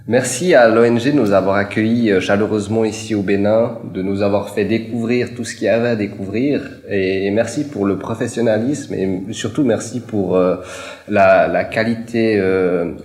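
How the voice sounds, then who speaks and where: Young man in his early twenties, earnest, stumbling, lowish voice, echoey room. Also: normal speed, darkish tone. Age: 20s. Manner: earnest, stumbling over words. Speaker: social work student. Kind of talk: thank-you testimonial.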